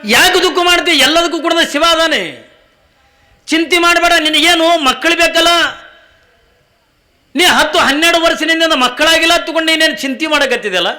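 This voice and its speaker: Guy doing a calm holy woman comforting someone, gentle reassuring tone, high pitched. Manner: soothing, reassuring.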